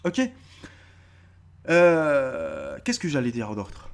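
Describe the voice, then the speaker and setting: A man's voice: mid-range voice, extremely slow, vocal fry. A man in his thirties with a North African French accent, talking straight to his viewers in a casual, swearing, repetitive vlog. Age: 30s. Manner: animated, swearing, repeating himself, addresses viewers directly. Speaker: YouTube video creator. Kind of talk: casual face-to-camera vlog.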